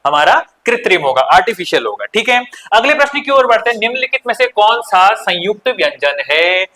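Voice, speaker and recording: A man's voice: high-pitched, big pitch swings, a little fast, pushed and bright. A young adult man teaching an exam-prep lesson, addressing students as children and answering his own questions.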